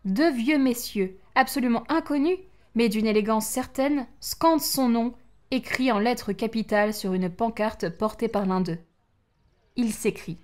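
Woman narrator for an audiobook, expressive, slightly high voice. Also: measured pace. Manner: expressive, acting out each line. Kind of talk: storybook narration.

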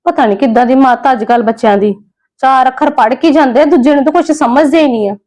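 A woman plays a kindly middle-aged lady of the house in a family drama skit. She soothes and gently lectures in a slightly high, even voice. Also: fast talker. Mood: musing. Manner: soothing, gently scolding, preachy.

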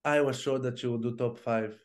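In a casual video-call chat, the medium-pitched co-host speaks in fast, animated spurts punctuated by fillers and laughs. Plants fill the home room behind him.

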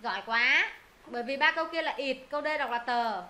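A woman's voice: high voice, a little fast, sharp tone. A woman teaching English pronunciation to students, repeating words and quizzing them on the answers. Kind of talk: live pronunciation lesson to students. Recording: echoey room, faint noise.

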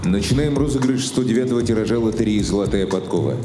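A man's voice: lowish voice, fast. A man reading scripted announcements as the announcer of a lottery show. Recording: echoey voice over music. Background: music.

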